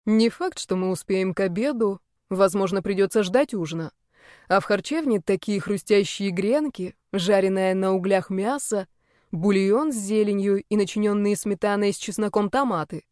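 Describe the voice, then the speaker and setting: A woman voicing a teasing, self-assured young male nobleman in an audiobook, speaking calmly with lazy amusement. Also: medium pitch, moderate pace, no room sound, clean studio sound, natural voice. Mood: coaxing. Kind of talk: audiobook character reading.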